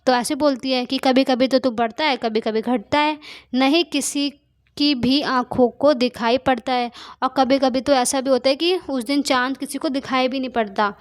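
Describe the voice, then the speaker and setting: Reading a poem one line at a time, a woman teacher takes each verse slowly before explaining it simply and casually, dropping in some English words. Her pitch is high and her intonation fairly even.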